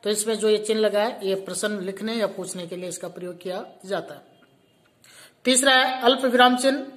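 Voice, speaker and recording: A woman teacher giving a grammar lesson to young schoolchildren, explaining slowly and repeating each point. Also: on the high side, fairly bright tone. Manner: explains slowly, repeats words and reads out example sentences.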